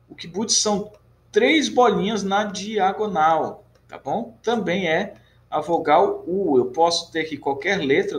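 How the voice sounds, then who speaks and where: A Brazilian man gives a recorded lesson in a warm, chatty way, with his voice sitting a little high. He keeps encouraging the listener and answers the questions he asks. The room around him has a clear echo. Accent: Brazilian Portuguese. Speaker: teacher.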